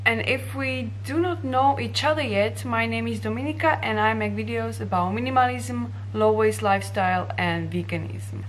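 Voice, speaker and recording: A young adult woman from Slovakia vlogs straight to camera in a bright indoor office room, her voice on the high side with a little hiss or hum. She speaks with a Slovak accent and gestures with her hands as she explains.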